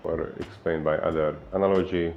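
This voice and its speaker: A man from Hungary with a Hungarian accent, a fitness coach giving an unhurried explainer talk full of filler pauses. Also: sits low, steady tone, highs cut off, slight background noise.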